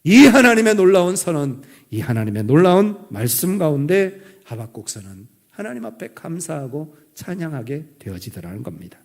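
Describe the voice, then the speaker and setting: A man's voice: a little high, big pitch swings, normal speed, few pauses, darkish tone. A middle-aged man preaching a sermon as pastor, fervently reading scripture and voicing God's replies in plain direct speech.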